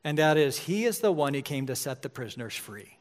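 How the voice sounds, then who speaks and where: A man's voice: on the high side, sing-song, a little fast. A man in his forties preaching a sermon in a conversational way, often checking in with "right?". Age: 40s. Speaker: pastor.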